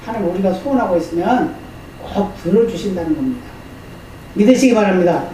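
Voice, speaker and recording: A man's voice: high-pitched, animated, a little fast, warm tone. A man preaching a sermon as pastor, speaking conversationally and often asking the congregation questions. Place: church sanctuary. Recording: echoey hall, distant mic, faint noise.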